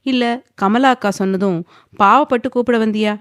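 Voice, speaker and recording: A woman voicing a timid yet defiant young woman who snaps back with sharp, indignant retorts. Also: fairly high pitch, moderate pace, no room sound, clean studio sound, pitched above the performer's own voice, lightly acted.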